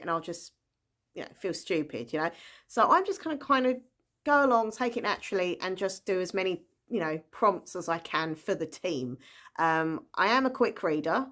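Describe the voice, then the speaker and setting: A book vlogger chats casually about books, rambling enthusiastically and filling her talk with fillers and little laughs. Her voice is fairly low, expressive and fairly bright, and she speaks fairly quickly.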